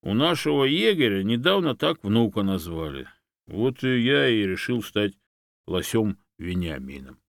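A man voicing a meek, sad male moose in a storybook reading, speaking quietly and mournfully. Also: fairly low pitch, big pitch swings, a little slow, vocal fry, no echo, studio quality, full character voice. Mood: plaintive.

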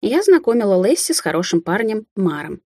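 A woman voicing a scheming red-haired young woman who lies with ease, in a higher, brighter voice with a husky edge. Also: very animated, brisk, no room sound. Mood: innocent.

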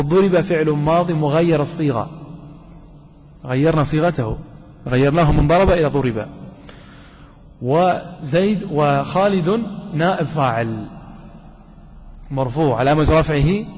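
A man teaches grammar to a class, putting questions to his students and repeating words slowly. His voice sits a little high and sounds husky. The muffled, lo-fi recording carries a long hall reverb. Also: darkish tone.

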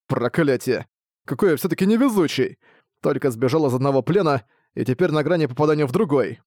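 Male narrator as a wary young adventurer, wry, inner thoughts, lively voice, dry sound. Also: a little high, a little fast, no echo, lightly acted. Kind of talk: audiobook reading.

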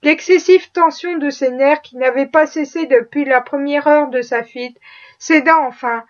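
Woman reading an audiobook, expressive, high voice, kinda muffled recording. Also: a little slow. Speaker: audiobook reader. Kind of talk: audiobook narration.

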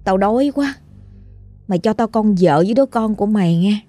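A woman voicing a sly, hungry young female ghost with a shrill, whiny, oily voice in a spoken ghost story. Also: animated, fairly quick, dark tone, no room sound, studio quality, faint music behind, close to an everyday voice. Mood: menacing.

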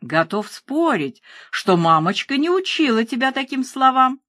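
A woman voicing a calm, methodical male killer who scolds and taunts his victim. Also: sits high, a little slow, no room sound, studio quality, voice pushed up, exaggerated voice. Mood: mocking.

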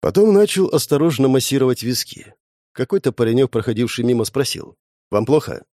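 A man reading a novel aloud in an expressive, dramatic storytelling manner. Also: mid-range voice, a little fast, no room sound, clean studio sound. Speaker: reader. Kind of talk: literary reading.

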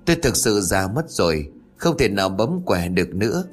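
A man's voice: lowish voice, big pitch swings, moderate pace, faint music behind. A man voicing an old village fortune-teller who mutters in bewilderment and blames himself. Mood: self-reproaching. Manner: muttering, bewildered and self-reproaching.

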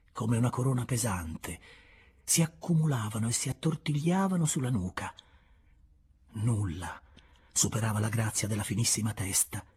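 An audiobook reader with a medium-pitched male voice narrates a literary audiobook, his tone strongly veiled and breathy. He reads calmly and carefully in a measured, expressive way, sometimes dropping to a whisper.

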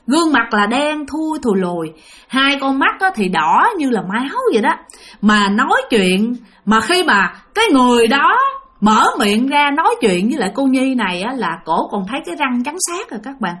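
A woman with a Southern Vietnamese accent narrating a ghost story, talking straight to her listeners in an animated way. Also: sits high, normal speed. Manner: animated, addresses listeners directly.

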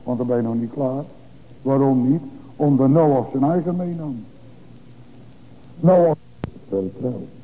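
A man, a pastor preaching a Reformed sermon to his congregation. He asks rhetorical questions and answers them, swinging between raised exclamations and quiet low drops. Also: takes it slowly, pauses often. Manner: addresses the congregation directly. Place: church. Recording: dull lo-fi church recording with long reverb.

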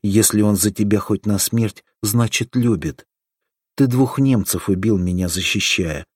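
A man reading the part of an affectionate, teasing young village girl in an audiobook, lifting his voice into a bright pleading lilt. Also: lowish voice, a little slow, slightly rough, dry recording, clean studio sound. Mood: tender.

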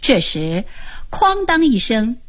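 A woman narrating a dramatic radio story in an expressive, lingering way. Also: a little high, slow.

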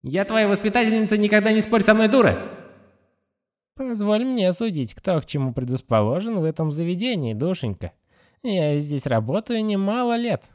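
A scornful middle-aged caretaker woman, as a male narrator puts her on, her voice pushed high into falsetto. She scolds with cutting contempt, swinging widely in pitch. The storybook recording sounds dry and close. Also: lively intonation, moderate pace, no room sound. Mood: scolding.

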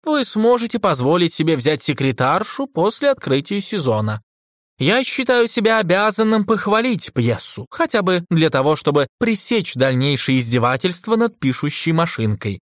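A man reading an audiobook, voicing a cold, contemptuous male drama critic in a slow, lowered, disdainful voice. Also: big pitch swings, no room sound, clean studio sound. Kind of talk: audiobook character voice.

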